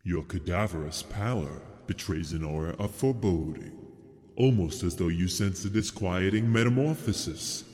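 A man playing a sardonic ghostly male tour host, narrating a theme-park ride in a slow, ominous, mocking way with sinister chuckles. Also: low voice, natural voice. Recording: loud music bed behind voice.

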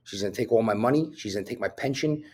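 Speaking fast in a fairly low, somewhat breathy voice, this male New Jersey cop guests on a podcast. He tells his personal story frankly and bluntly, cursing a lot and leaning on filler "um"s.

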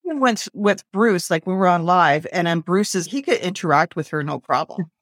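A woman's voice: lowish voice, a little fast, no echo, clean studio sound. A woman who owns a parrot, rambling and thinking aloud in a casual group conversation. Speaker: parrot owner.

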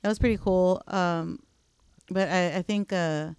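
A woman in her thirties, co-hosting a casual chat and telling stories with quick laughs. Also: lowish voice, steady tone, a little mellow, clean tone, no echo. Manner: chatty storyteller, quick laughs. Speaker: co-host.

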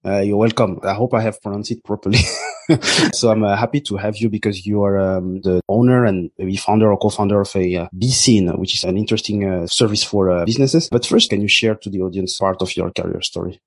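A man's voice: on the low side, fairly even intonation, a little fast. A man hosting a podcast interview, hesitant with many fillers. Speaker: podcast host. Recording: dry with faint music.

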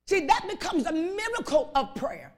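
A woman's voice: very high-pitched, very animated, normal speed. Woman preacher from Chicago, fervent sermon, exclamatory storyteller.

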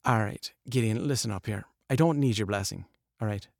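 A man's voice: lowish voice, fairly quick, creaky, no room sound, clean studio sound. A man recording an audio drama, flubbing lines, joking and ad-libbing between takes. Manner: joking, breaks into laughter, ad-libs. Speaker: voice actor.

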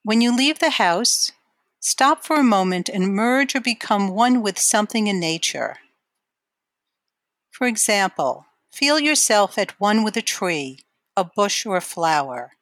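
A woman giving guided imagery exercises in a calm, measured, instructional way. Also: medium pitch, dry recording, clean studio sound.

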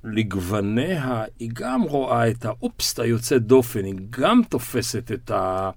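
A man hosting an interview, asking reflective questions in measured, drawn-out phrases with stammered restarts. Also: mid-range voice, big pitch swings, dry recording. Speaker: interview host.

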